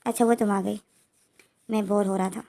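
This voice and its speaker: A woman's voice: mid-range voice, fairly even intonation, moderate pace, vocal fry, warm tone, close to an everyday voice. A woman reading a puzzled young man. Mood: earnest. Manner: plain quoted lines in narrator's own voice.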